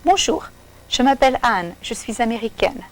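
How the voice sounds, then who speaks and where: A woman's voice: fairly high pitch, animated, normal speed, lightly acted, rough recording. Anne, a shy and polite American teenage girl in a storybook, speaks in simple, careful phrases, as a woman reading the story puts her on. Her voice sits a little above a plain reading voice.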